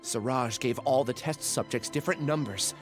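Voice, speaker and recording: A man's voice: mid-range voice, normal speed, over music, close to an everyday voice. An actor playing an earnest, troubled man who was a test subject, in a video game. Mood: earnest, explanatory. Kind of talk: video game dialogue acting.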